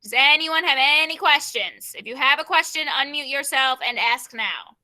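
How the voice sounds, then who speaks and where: Leading a grammar lesson on a video call, a young female teacher speaks in a high voice that sounds pushed and bright. Her pace is brisk, and she often says her prompts more than once.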